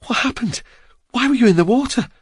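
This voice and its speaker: A man reading an audiobook, voicing a worried young woman who speaks gently and anxiously. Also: very high voice, expressive, brisk, slightly rough, no echo, voice pushed up, heavily acted. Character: worried young woman kneeling by her injured partner. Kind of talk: audiobook character voice.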